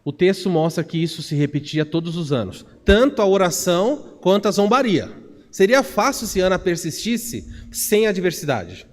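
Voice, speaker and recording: A man's voice: high-pitched, big pitch swings, normal speed, darkish tone. A Brazilian man preaching an expository sermon as pastor, earnest and putting questions to his congregation. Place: church sanctuary. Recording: long church reverb.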